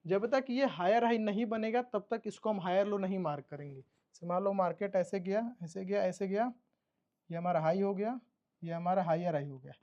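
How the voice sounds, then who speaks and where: A man's voice: high-pitched, moderate pace, darkish tone, highs cut off. Man explaining a chart, teacherly. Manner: repetitive teacherly explaining, checks understanding. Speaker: trading course instructor. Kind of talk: explaining a chart in a recorded lesson.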